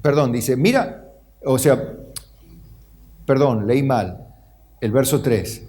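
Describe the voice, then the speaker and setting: A man's voice: slow pace, a little mellow. A middle-aged Argentine man preaching a sermon as pastor, acting out the voices of Bible figures. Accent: Argentine Spanish. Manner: acts out Bible figures' voices with rising pitch.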